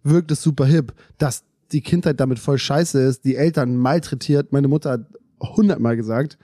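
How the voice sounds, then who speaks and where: A man in a casual podcast chat who tells stories in an animated way and rushes through phrases. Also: medium pitch, no room sound, clean studio sound. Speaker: podcast co-host.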